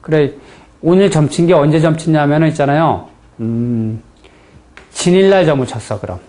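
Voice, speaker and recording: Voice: mid-range voice, normal speed, dark tone. A teacher from the Chungcheong region with a Chungcheong Korean accent, giving a classroom lecture on fortune-telling in a blunt, folksy way and checking in often with rhetorical questions.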